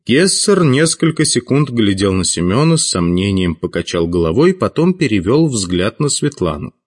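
A man narrating an audiobook in a steady, even reading voice. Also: lowish voice, normal speed, slightly rough. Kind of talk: scripted narration.

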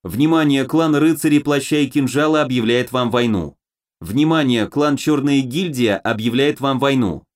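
A man's voice: medium pitch, moderate pace, natural voice. A man voicing an impersonal game system that announces declarations of war formally.

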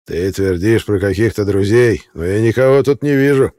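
A man's voice: lowish voice, animated, normal speed, warm tone, lightly acted. A man voicing a sneering hitman in an audiobook. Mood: mocking. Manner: gloating, then panicked pleading. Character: menacing bearded male hitman, gloating. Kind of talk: audiobook character reading.

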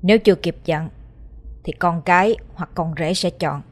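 A woman's voice: fairly low pitch, moderate pace, close to an everyday voice. A woman voicing a stern old man who is a village ritual master, giving commanding instructions in an audio ghost story.

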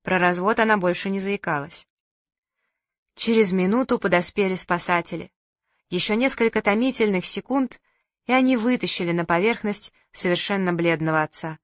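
Woman narrating a lively story. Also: medium pitch, normal speed, no echo, clean studio sound. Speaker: audiobook reader. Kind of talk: scripted narration.

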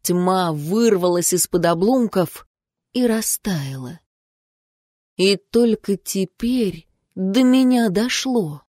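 A woman reads a first-person fantasy audiobook in an expressive, animated voice. Her pitch sits in a middle range. The recording is dry and close, with no room sound. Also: takes it slowly, dry recording. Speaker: audiobook narrator.

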